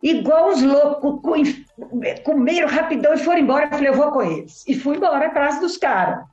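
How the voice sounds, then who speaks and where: A woman telling a story in casual chat, animated and acting out quoted dialogue. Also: high voice, a little fast. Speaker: podcast guest. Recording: echoey room, slightly dull sound.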